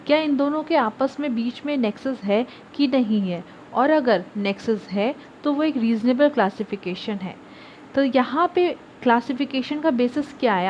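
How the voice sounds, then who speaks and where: Young woman doing a law lesson, a bit high voice, kinda dull lo-fi audio with faint hiss. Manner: explanatory, mixes English legal terms into Hindi, addresses viewers as guys. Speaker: law teacher. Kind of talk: online lecture. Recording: slightly dull audio with faint background noise.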